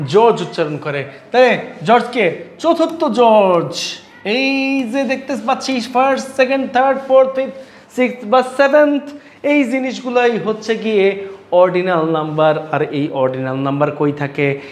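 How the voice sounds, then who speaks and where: High-voiced, teasing male grammar teacher. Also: reverberant. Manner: teasing, scolding students in colloquial speech. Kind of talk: classroom grammar lesson.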